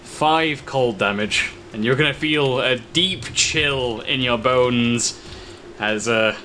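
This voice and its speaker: A man acting as game master, telling an improvised tabletop adventure in short, halting, descriptive phrases. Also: medium pitch, sharp tone. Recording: faint background noise.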